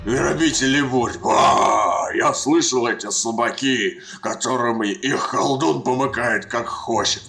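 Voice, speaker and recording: A gruff orc warrior with a gravelly, hard-edged growl, as a male reader puts him on. He drags every word out slowly, menacing and contemptuous, over faint music in a fantasy audiobook. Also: medium pitch, pushed and bright, pitched above the performer's own voice. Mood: scornful. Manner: slow, growled speech.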